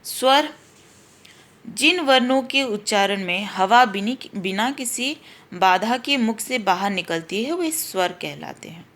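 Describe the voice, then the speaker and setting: A woman's voice: mid-range voice, animated, slow, a bit bright. A woman teacher giving a patient grammar lesson to schoolchildren, spelling out letters one by one and repeating her explanations. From India.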